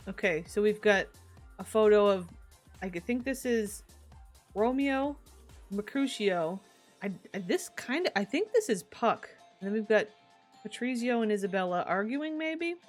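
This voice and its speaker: A woman streamer giving casual, musing commentary on a life-simulation game, chatty and quick to giggle. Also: mid-range voice, lively intonation, faint music behind.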